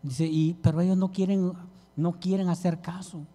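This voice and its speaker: A man's voice: sits high, little pitch movement, normal speed, mellow. A man preaching a sermon, pleading with his listeners and calling them brother. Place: church hall. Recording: reverberant church hall.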